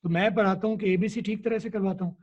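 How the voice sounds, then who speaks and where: A man's voice: sits high, steady tone, quick pace, darkish tone. A man, an English teacher explaining in an interview, teacherly and repeating key words to drill them. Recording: dull lo-fi recording.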